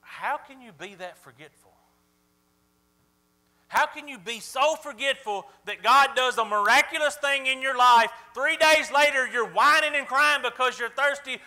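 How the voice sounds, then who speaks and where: A man preaching in a very high, sharp, bright voice. He keeps checking in with the congregation and hammers home each point with emphasis. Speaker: pastor. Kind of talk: sermon.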